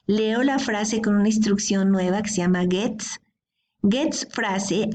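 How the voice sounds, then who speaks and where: A woman's voice: mid-range voice, a little mellow, a little hiss or hum. Woman teaching code step by step. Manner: explanatory, checks in with frequent "¿sí?" and "¿de acuerdo?". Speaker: programming teacher. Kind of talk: screen-recorded coding lesson.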